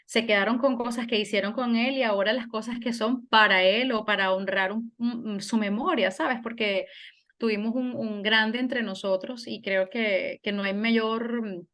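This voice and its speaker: Her voice is fairly high and a bit bright, with fairly even intonation and a normal speed. She's a middle-aged Venezuelan singer and German teacher, thinking things through in a conversational interview, frequently restarting and using fillers.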